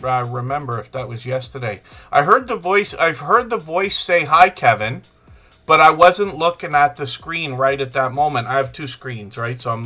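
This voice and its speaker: A man's voice: medium pitch, bright, forceful tone. A middle-aged man hosting a casual livestream, chatty and rambling as he greets viewers by name. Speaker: livestream host. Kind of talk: casual live-stream chat.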